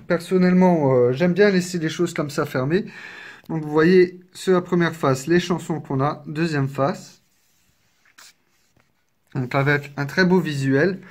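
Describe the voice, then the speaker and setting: Here a man with a slightly high, darkish voice gives casual unboxing commentary on a collector's edition, recorded on a camera mic as he films one-handed. His style is relaxed and talkative, full of "hop" and "donc" fillers, and he keeps apologizing and poking fun at himself.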